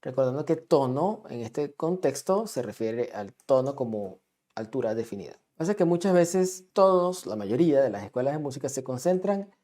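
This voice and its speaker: A man's voice: medium pitch, animated, normal speed, dark tone. A man giving a patient, explanatory music lesson, often checking in with his listeners as he draws on a diagram. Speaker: music teacher.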